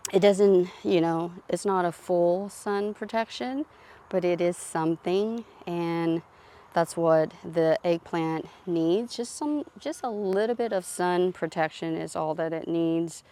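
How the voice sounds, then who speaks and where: Gardening vlogger, woman, lowish warm voice, very slow unhurried pace, outdoor garden tour. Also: clear, resonant tone. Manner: calm, unhurried, explains plants as she walks. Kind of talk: casual garden tour narration.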